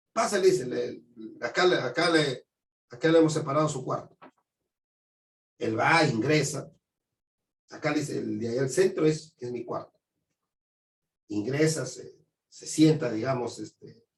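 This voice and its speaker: A man casually retelling a novel's plot in a conversational way, often adding tag questions and briefly acting out the characters' lines. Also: mid-range voice. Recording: echoey room, distant mic.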